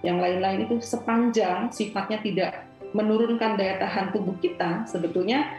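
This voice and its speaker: A woman's voice: medium pitch, fairly even intonation, normal speed, a little mellow, reverberant, faint music behind, low-quality recording. A woman, a doctor giving reassuring, conversational medical explanations as a guest.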